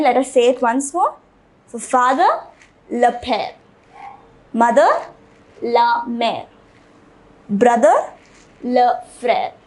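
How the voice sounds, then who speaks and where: A patient French teacher with a bright, high-pitched voice takes her language lesson slowly, saying each word repeatedly and deliberately. The audio is poor.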